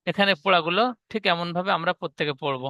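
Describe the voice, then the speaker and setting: A man teaches the reading of Arabic letters to a class. His voice sits high and bright, crisp and clear in a dry, close recording. He goes over each rule patiently, again and again. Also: fast talker, dry recording.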